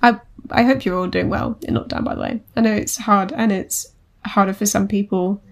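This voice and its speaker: Playful young woman with a gravelly edge. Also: mid-range voice, fairly even intonation, moderate pace. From Essex, England. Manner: playful, teasing, chatty. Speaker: podcast co-host. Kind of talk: casual chat.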